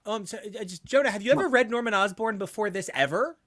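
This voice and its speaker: High-voiced joking man. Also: fast talker, fairly bright tone, no room sound, clean studio sound. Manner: joking quips. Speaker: podcast co-host. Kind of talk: casual chat about comics.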